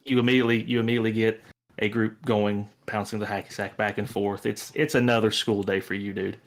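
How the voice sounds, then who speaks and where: A man narrating as game master of a tabletop game, with a relaxed, chatty manner. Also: fairly low pitch, brisk. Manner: relaxed, chatty, restarts sentences.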